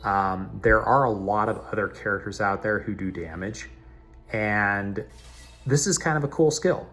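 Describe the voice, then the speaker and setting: A man's voice: fairly low pitch, unhurried, a bit bright. A man casually talking through a mobile game's menus, recorded in a cavernous room that makes his voice sound echoey. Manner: chatty, talks himself through menus. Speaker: mobile game video host. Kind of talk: casual gameplay commentary.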